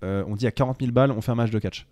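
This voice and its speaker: A man, chatting as a podcast guest and tumbling through quick sentences full of restarts and fillers. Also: medium pitch, a little mellow, no room sound, studio quality. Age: 30s. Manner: rapid, tumbling speech with many restarts and fillers. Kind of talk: casual chat.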